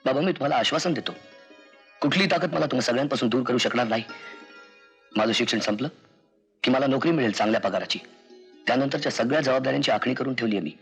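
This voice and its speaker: An earnest dutiful son. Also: male voice, mid-range voice, fast talker, long pauses, husky, faint music behind. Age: young adult. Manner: earnest, reassuring.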